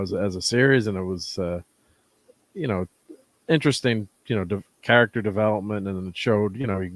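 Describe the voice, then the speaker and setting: A man hosting a casual chat about comics, rambling and halting, often laughing. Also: lowish voice, no room sound. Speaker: host.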